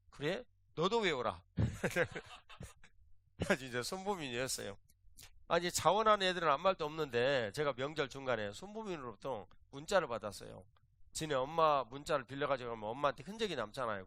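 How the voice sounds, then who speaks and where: A man, a pastor, preaching a sermon and telling a story, acting out the lines of the people in it. He was recorded in a church. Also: medium pitch. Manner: animated anecdote with quoted voices. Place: church sanctuary.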